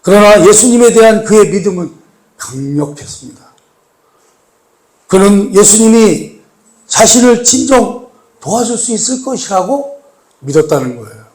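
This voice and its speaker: High-voiced male pastor preaching. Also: animated, normal speed, pauses often. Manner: addresses the congregation with rhetorical questions and repetition; swings between raised emphatic lines and soft, hushed pleading. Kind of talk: sermon.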